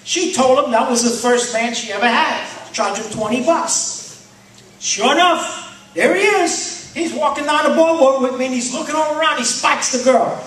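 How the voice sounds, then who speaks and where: A man's voice: very high-pitched, moderate pace, fairly bright tone. A man from Puerto Rico telling jokes live on a comedy club stage, rambling with restarts. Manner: rambling storyteller, hesitant restarts. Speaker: stand-up comedian. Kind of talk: live stand-up joke telling. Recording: echoey club from far, faint noise.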